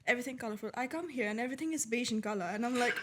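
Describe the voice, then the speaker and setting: A young woman from Nepal talks in a relaxed podcast chat, her voice sitting a little high. She fills her sentences with "like" and "um" and laughs easily. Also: background noise. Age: young adult. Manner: chatty, many "like" and "um" fillers, quick to laugh. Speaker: guest, international law student.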